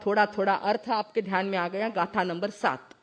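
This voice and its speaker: A woman's voice: mid-range voice, steady tone, normal speed. A woman giving a Jain devotional discourse, explaining verses and asking her listeners questions. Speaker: Jain religious teacher.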